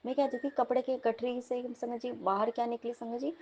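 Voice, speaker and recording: Woman, young adult, devotional testimony, animated storytelling, somewhat high pitch. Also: fairly quick, dull audio, slight background noise. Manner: animated storytelling, repeatedly addressing listeners. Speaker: devotee sharing a dream at satsang.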